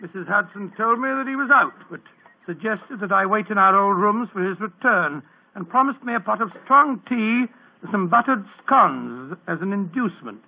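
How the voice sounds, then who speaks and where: An actor playing Doctor Watson, a bumbling, good-natured older doctor who stammers and fusses, in a 1940s radio drama. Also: male voice, sits high, lively intonation, moderate pace. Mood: narrating. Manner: stammering, fussy, blustery. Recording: tinny old radio broadcast.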